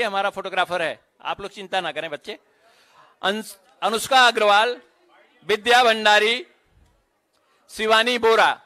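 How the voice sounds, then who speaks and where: A man announcing students' names one by one at an award ceremony, with brief instructions to the children between names. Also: high voice. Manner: steady roll-call of names, brisk stage directions. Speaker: event announcer.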